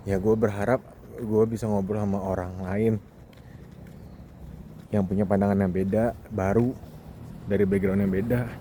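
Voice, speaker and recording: Walking across a campus football field, a thirty-year-old man speaks in a dark, fairly low voice with a level tone, a moderate pace and frequent pauses. As a podcast host he muses informally and reflectively to himself in a vlog monologue, amid clear outdoor noise.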